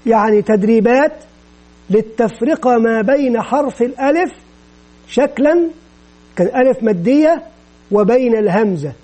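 A man lectures on teaching methods in a steady, explanatory manner, often repeating a phrase for emphasis. His voice sits very high yet sounds dark and mellow. There is a husky, breathy edge to it. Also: normal speed, long pauses, low-quality recording. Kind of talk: educational lecture.

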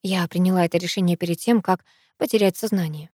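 A woman giving a steady first-person audiobook narration. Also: lowish voice, fast, no echo, studio quality.

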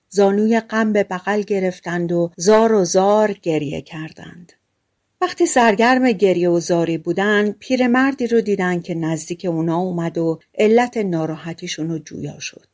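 Low-voiced woman narrating a fairy tale. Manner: calm, measured storytelling. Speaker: audiobook narrator.

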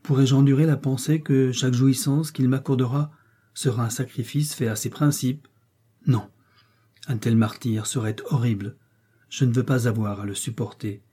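A man reading a classic novel aloud as an audiobook, in an even, measured way. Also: medium pitch, breathy edge. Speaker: audiobook reader.

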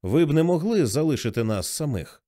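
A man voicing a grown son at his dying mother's bedside, speaking low, curt and restrained. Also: very animated, a little fast, dark tone. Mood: tense. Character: grown son, tense and grieving.

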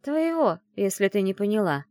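A woman reading an audiobook and voicing a brash, teasing young woman who is the heroine's best friend, talking in a loud, mocking, bossy way. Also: mid-range voice, sing-song, moderate pace, no room sound, studio quality, voice pushed up, lightly acted.

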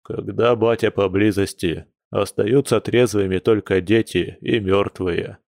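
A man doing a hungover werebear man, low and sorry for himself, who groans and moans through each line like he's dying. the voice sits low and the recording is dry and close. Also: steady tone, a little slow, vocal fry, a little mellow, no room sound. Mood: groaning. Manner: groaning, mournful. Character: hungover male bear werewolf, gloomy and self-pitying.

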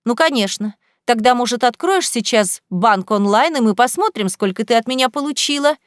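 A woman's voice: fairly high pitch, lively intonation, normal speed, no room sound, clean studio sound, close to an everyday voice. Woman doing a sneering, spiteful rich girl. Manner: mocking, sneering, snide sing-song. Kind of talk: audiobook character reading.

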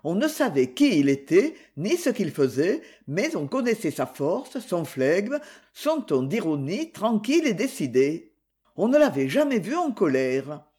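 An audiobook narrator reading a crime novel in a measured storytelling manner. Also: mid-range voice, big pitch swings, dark tone, husky. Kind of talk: scripted narration.

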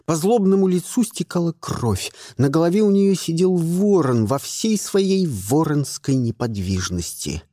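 Slow, expressive man reading an audiobook. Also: on the high side, no echo, clean studio sound. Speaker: audiobook narrator. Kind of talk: first-person audiobook narration.

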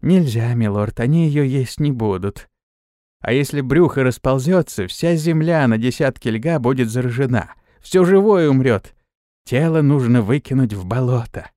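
Brief: quiet lifeless servant girl, flat and slow, dry; a man plays her. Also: mid-range voice, dry recording, natural voice.

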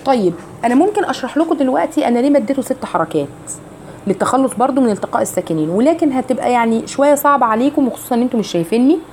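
A woman with an Egyptian accent teaching a religious lesson on Quran recitation, explaining step by step with rhetorical questions and slowly demonstrating each phrase. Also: a little high, expressive, a little mellow, a little hiss or hum. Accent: Egyptian Arabic.

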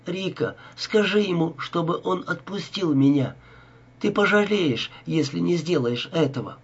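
A man voicing a terrified young woman held captive, tearful and shrill as she pleads. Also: slow, vocal fry, a bit bright, slightly rough, lo-fi sound, heavily acted. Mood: pleading, sobbing.

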